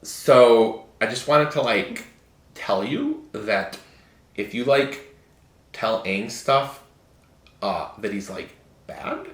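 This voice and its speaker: A man doing a Valley Girl voice, soft and half-whispered, drawling with many likes. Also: mid-range voice, lively intonation, slow pace, pauses often, pitched below the performer's own voice. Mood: breathy condescending. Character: Valley Girl, young woman. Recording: roomy echo.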